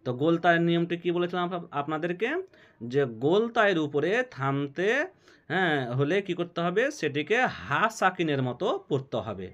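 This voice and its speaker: A man teaching Quran recitation rules step by step, spelling out letters, then chanting verses slowly and melodically, and answering his own questions. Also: on the high side, lively intonation, a bit bright. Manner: asks questions and answers them himself, slow drawn-out melodic recitation.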